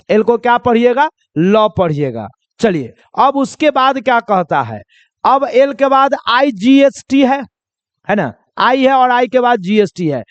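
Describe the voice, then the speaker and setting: A very high-pitched male teacher leads his class through pronunciation drills, asking each question aloud and then answering it himself. His voice is smooth and clear. The recording is dry and a little dull. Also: no echo. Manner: repeats questions and answers them himself, coaxing; addresses students as children. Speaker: English teacher. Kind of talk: spoken English lesson.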